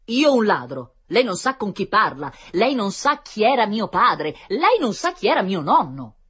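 A woman voicing a pompous gentleman in a storybook, protesting loudly about his family's honour. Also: mid-range voice, sing-song, normal speed, breathy edge, pitched above the performer's own voice, full character voice. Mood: indignant. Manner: pompous, blustering.

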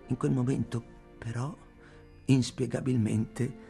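Gravelly man reading a story. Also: medium pitch, steady tone, dark tone, soft background music. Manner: measured, deliberate reading. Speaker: narrator. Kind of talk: audiobook narration.

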